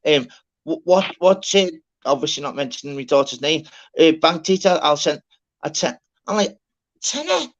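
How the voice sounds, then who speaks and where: A man's voice: on the high side, normal speed. A man with a Liverpool accent in casual, sweary banter, talking in rambling, repetitive, broken-up sentences. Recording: dull lo-fi audio.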